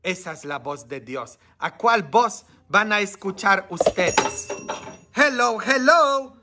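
Animated preaching priest with swinging volume. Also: male voice, high voice, slow pace, background noise. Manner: swings from shouting to hushed, chatty asides. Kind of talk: lively sermon and Bible study. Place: church.

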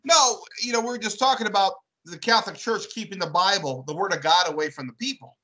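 A man co-hosts a casual discussion on church history. His voice is bright and forceful. He works through his points aloud and often checks in with "right?". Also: sits high, fast talker, rough recording. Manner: thoughtful, builds questions with repeated "right?". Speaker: co-host.

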